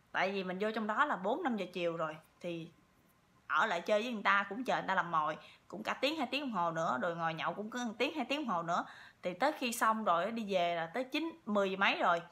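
A vlogger tells her viewers a story in a chatty way, full of fillers and repeated words. Her voice is medium in pitch, pushed and bright.

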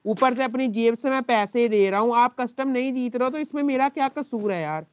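A man with a Pakistani Urdu accent, a game streamer talking to his live chat in an exasperated, complaining way, his throat dry from shouting. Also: very high-pitched, fairly quick, clear, resonant tone, no echo. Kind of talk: live gaming stream talk.

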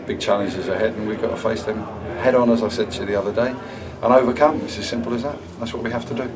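A middle-aged man, a football manager, answering post-match questions in a measured, subdued way with many pauses. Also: fairly low pitch, recorded from a distance, noisy background. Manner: measured, subdued, halting with fillers. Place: indoor club room, sponsor wall.

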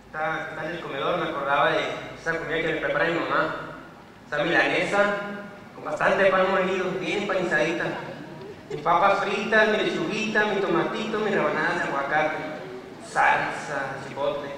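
Homesick male inmate, played by a man, theatrical, high tense voice, reverberant distant sound. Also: a little fast, pushed and bright, slight background noise. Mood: wistful. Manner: theatrical, projecting to an audience. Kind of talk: live stage performance. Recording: echoey hall from far off.

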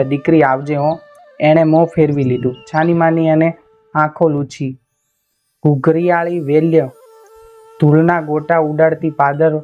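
A man telling a folk tale in a measured, poetic narrating style. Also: on the high side. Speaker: storyteller. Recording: dull lo-fi recording with faint instrumental music.

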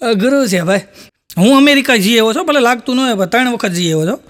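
With an extremely high pitch and a fairly bright tone, a Kathiyawadi Gujarati-accented comedian performs expressively on stage. He speaks a little fast, and his storytelling leans heavily on repeated "he said" tags.

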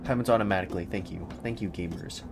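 Deep-voiced and quick, a young streamer jumps and frightens his way through a horror game, tossing in sarcastic remarks and swearing. The game's horror ambience can be heard behind him, sometimes faint and sometimes clear.

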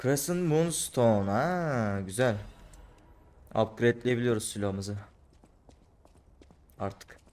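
Young man with a Turkish accent, gameplay commentary, mutters low, erupts into angry cursing. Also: takes it slowly, long pauses, darkish tone. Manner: muttering to himself, bursting into angry swearing. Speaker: gameplay streamer.

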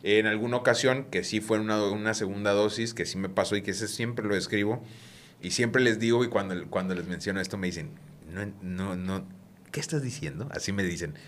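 Low-voiced doctor explaining at length. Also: male voice, slight background noise. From Mexico. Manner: explains at length, often checks in with listener, slows and lowers voice for effect. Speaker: cannabis physician guest. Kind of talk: explanatory podcast talk.

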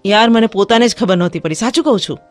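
A woman voicing an excited young male stage actor who speaks eagerly in a raised, bubbly voice. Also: mid-range voice, fast talker, faint music behind, pitched above the performer's own voice, lightly acted. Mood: thrilled.

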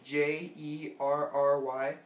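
A young man making a casual prank phone call, talking in a hesitant, halting way. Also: on the high side, level tone. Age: young adult. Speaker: prank caller. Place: small furnished room at home. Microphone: camera a short distance away. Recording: echoey room, camera mic.

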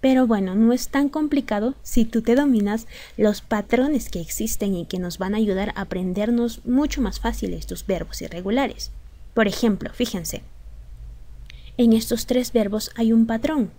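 A woman's voice: a little high, moderate pace, mellow. A woman teaching a video grammar lesson, explaining rules step by step and asking her students rhetorical questions. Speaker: English teacher.

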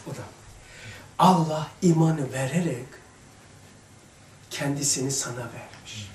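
A man's voice: mid-range voice, a little slow, a little hiss or hum. Man teaching religion in an echoey room. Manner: conversational, addresses listeners by name, swings from hushed to emphatic. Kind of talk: informal religious lesson. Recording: echoey room, distant mic.

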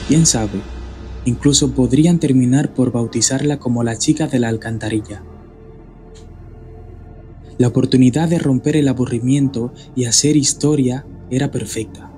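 A man from the Dominican Republic reading a scripted horror story in a measured, grave manner. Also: medium pitch, dark tone. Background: faint background music.

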